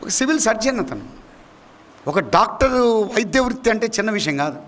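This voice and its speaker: High, lively preaching man. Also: a little fast. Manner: emphatic preaching with sudden loud high rises and low drops. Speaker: pastor. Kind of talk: sermon. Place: church.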